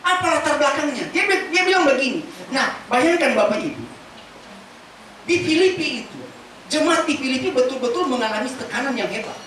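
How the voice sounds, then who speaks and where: A woman pastor preaching a sermon, lively and chatty, asking the congregation questions as she teaches. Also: high-pitched, brisk. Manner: casual spoken Indonesian mixed with scripture teaching. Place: large church hall. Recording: very echoey church hall from far off.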